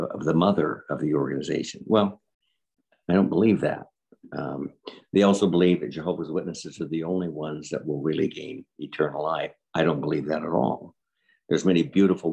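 An older man in his seventies with a very deep voice that sits at the bottom of its range. The tone is gravelly and a little husky. He talks earnestly and reflectively, leaning on repeated words. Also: a little mellow. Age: 70s. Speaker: guest. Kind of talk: personal interview.

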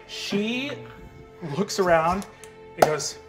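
Animated man running a tabletop game. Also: high-pitched, drawn-out words, over loud music. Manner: animated, laughing narration. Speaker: game master. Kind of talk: narrating a live tabletop game.

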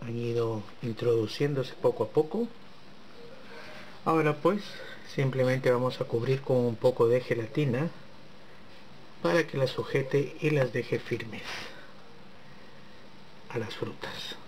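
A man with a mid-range, darkish voice speaks a little slowly with long pauses, and the low-quality recording has slight background noise. He hosts a home cooking channel and chats with viewers while working in his kitchen. He walks them through a dessert step by step in a casual tutorial.

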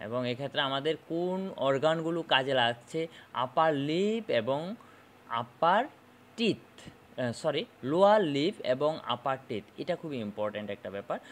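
A man teaching a phonetics lesson, slowly repeating and demonstrating sounds and often checking "okay?". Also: a little high, expressive.

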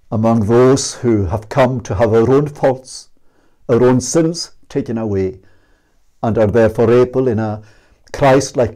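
Slow, earnest older Scottish preacher. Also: male voice, medium pitch, mellow. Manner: earnest, emphatic questioning, slow and measured. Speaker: minister. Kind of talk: sermon and closing prayer. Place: small indoor room against a plain wall. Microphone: fixed camera at medium distance.

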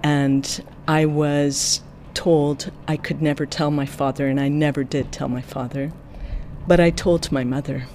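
An interpreter giving a translation voice-over in the first person, in a measured, steady way that often drops quieter. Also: medium pitch, slight background noise.

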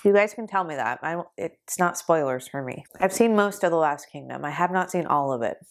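A woman hosting a reaction vlog, tearful and upset, speaking haltingly and trailing off between heavy sighs. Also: sits low, animated. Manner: halting, sighing, trailing off mid-sentence. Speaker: reaction video host.

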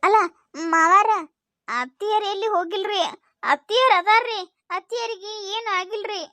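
A woman's voice: very high-pitched, normal speed, sharp tone, dry recording. A woman with a North Karnataka Kannada accent, playing a young village daughter-in-law in a comedy skit, speaking in a pleading, respectful way. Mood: tearful. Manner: pleading, addresses elders with respectful endings.

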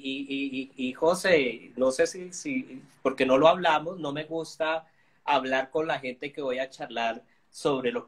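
A man hosting a live interview show, complimenting his guest in a casual tone, with stammering starts. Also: medium pitch.

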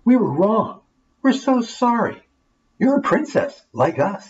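A man's voice: high-pitched, sing-song, a little slow, pitched above the performer's own voice. A man voicing grateful young princesses apologizing in a storybook reading. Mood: apologetic. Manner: sorry and fussing. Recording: dull lo-fi with faint noise.

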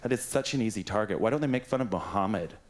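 A male stand-up comedian doing an absurd, rambling set on a club stage, swinging between squeaky highs and mumbled lows. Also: quick pace, heavy background noise. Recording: roomy club, loud audience laughter.

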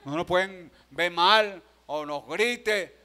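A Venezuelan man preaches a Spanish-language sermon from a church pulpit. His voice sits high for a man and rings bright and forceful. He drops into quiet storytelling, then rises to shouted exhortations to the congregation. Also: takes it slowly. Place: church sanctuary.

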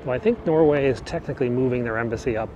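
Talking rapid-fire at a medium pitch, this vlogger narrates a bike ride through the city in a chatty, rambling, self-correcting way, filmed outdoors on an action camera. The audio is dull, and street traffic and city ambience are audible throughout.

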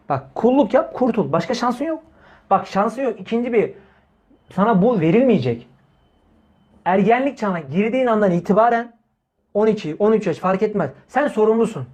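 A man's voice: high voice, a little mellow, breathy edge. Emphatic male preacher repeating his points. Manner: emphatic, repeats key phrases, rhetorical questions; direct, addresses listeners as brothers. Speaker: Islamic preacher. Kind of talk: informal religious talk.

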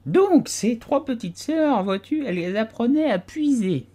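A man voicing a sleepy male dormouse in a storybook, with a faint, hoarse voice and a slow, drawn-out way of talking. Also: very high voice, expressive, warm tone, pitched above the performer's own voice, full character voice. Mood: drowsy. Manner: drowsy, drawn-out.

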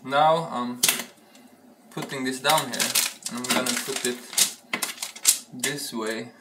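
A man's voice: medium pitch, takes it slowly, heavy background noise. A young man chatting casually while baking bread in his home kitchen, rambling and playful, thinking aloud and humming as he works. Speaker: home cooking vlogger. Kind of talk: casual cooking chat. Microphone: camera across the room. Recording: echoey room, voice from far off.

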